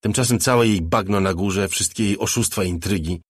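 A man voicing a brash, talkative young ex-hacker in an audiobook, a little louder and brighter than his narration. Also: fairly low pitch, a little fast, slightly rough, no echo, studio quality. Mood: boastful chatter. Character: cocky young male ex-hacker, chatty and sly.

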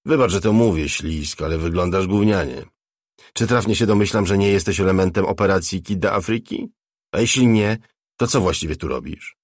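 A man's voice: low-pitched, a little fast, no echo, clean studio sound. A man voicing a cocky, sardonic wealthy man who fires off blunt, probing questions.

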